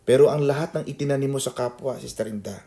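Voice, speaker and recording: A man's voice: medium pitch, quick pace, warm tone. A man pastor preaching a sermon, addressing members of his congregation by name and mixing in English phrases.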